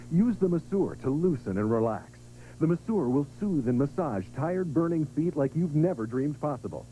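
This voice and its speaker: A man reading a scripted infomercial sales pitch as a TV commercial announcer. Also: mellow, a little hiss or hum, poor audio. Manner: scripted sales pitch with emphatic questions and instructions.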